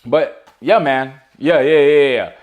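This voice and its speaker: A man co-hosts a laid-back sports talk show, riffing loosely with many restarts and fillers. He breaks into playful, excited outbursts mid-thought. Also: medium pitch, slow. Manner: animated, talks over his co-host with playful outbursts. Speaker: podcast co-host. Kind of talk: casual sports chat.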